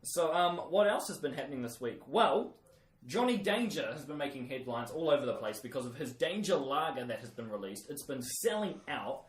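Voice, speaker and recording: A New Zealand man runs a casual podcast, leading each segment with loose, self-mocking jokes. His voice sits at an everyday pitch. He sounds a bit off-mic in a roomy, echoey space. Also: lively intonation, fairly quick, distant mic. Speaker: podcast host.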